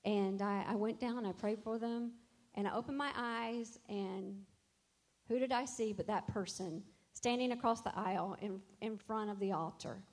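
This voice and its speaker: A woman's voice: mid-range voice, normal speed, a little mellow. A middle-aged woman, a worship leader, telling a personal faith testimony in an earnest, reflective way and quoting scripture.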